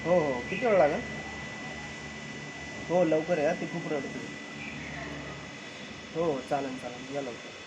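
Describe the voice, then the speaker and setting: Guy doing a calm shop helper, kinda high voice, far away in a roomy spot with noise. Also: takes it slowly, pauses often, lo-fi sound. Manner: reassuring, repeats himself. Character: helpful male shop worker calming a visitor. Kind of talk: amateur short film acting. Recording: echoey room, distant mic, background noise.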